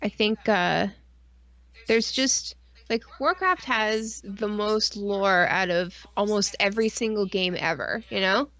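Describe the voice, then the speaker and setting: Slow and slightly bright, her medium-pitched voice drifts through casual chat as a podcast stream co-host. She's informal and rambling, leaning heavily on "like" and dropping in mild swears.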